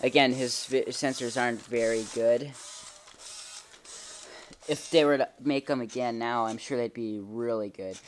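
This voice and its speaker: A reviewer giving a casual hands-on demonstration in a halting, informal way, often trailing off. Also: mid-range voice, fairly even intonation. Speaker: toy reviewer. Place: carpeted living room at home. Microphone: handheld camera held by the speaker. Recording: noisy home video with mechanical clicking. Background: robot toy motor whirring and clicks.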